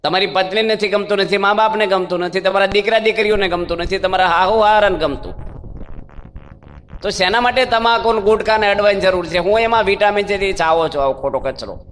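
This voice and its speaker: Male preacher, higher-pitched voice, storytelling sermon, long hall echo. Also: steady tone, fairly quick, a bit bright. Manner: storytelling with rhetorical questions and quoted dialogue. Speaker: swami giving a religious discourse.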